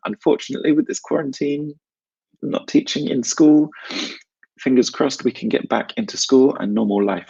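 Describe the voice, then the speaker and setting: A man with a South London accent hosts an informal online English lesson. His voice is fairly low and heavily fried at the edges, and he speaks in short, simple, chatty phrases. The sound is slightly dull and lo-fi, as on a webinar. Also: gravelly, a little mellow, husky. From South London, England. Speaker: English teacher and webinar host.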